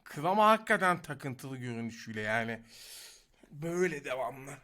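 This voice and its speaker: A man's voice: mid-range voice, normal speed, soft background music. A man in his twenties casually reacting to a video, joking and swearing often. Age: 20s. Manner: foul-mouthed, swears often; animated, joking.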